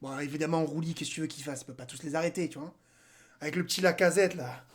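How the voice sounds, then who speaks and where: A man's voice: a little high, steady tone, fast talker. A man giving a casual football debrief, talking animatedly in slang, speaking straight to players and viewers and mocking the rival side. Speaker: football fan commentator.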